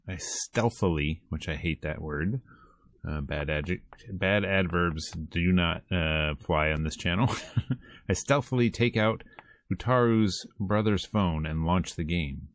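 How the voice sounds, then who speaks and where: A man hosting a gameplay video series reads visual novel text aloud, dropping playful, casual asides between the lines. He speaks slowly in a low voice, and there is no room sound.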